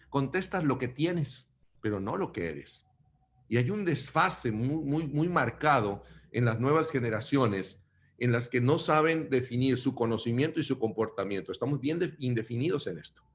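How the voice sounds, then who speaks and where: With a little hiss or hum in the audio, a man from Mexico preaches to listeners he calls brothers. He moves back and forth between emphatic loud bursts and soft, low asides.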